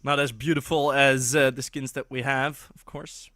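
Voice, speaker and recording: Young male color caster, bright tense tone, chatty and laughing, mid-pitch. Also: level tone, moderate pace, no echo. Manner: chatty, laughs easily, breaks down plays. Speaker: esports color commentator. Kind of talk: live esports analysis.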